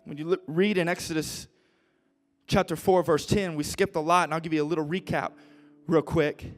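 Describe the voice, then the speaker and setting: A young man preaching a lively sermon as pastor, acting out Bible figures in modern slang. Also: on the high side, normal speed, soft background music.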